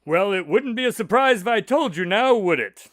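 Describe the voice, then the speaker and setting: An actor playing an affable doctor, the detective's companion, recounting cases conversationally in a radio drama. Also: male voice, high-pitched, expressive, normal speed, fairly bright tone, no echo, studio quality.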